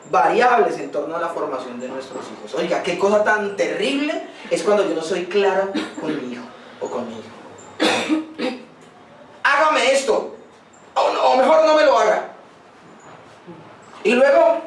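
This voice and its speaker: A man's voice: sits high, a little hiss or hum. A male pastor preaching a sermon earnestly, now and then acting out quoted dialogue. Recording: roomy distant sound, recorded without a microphone.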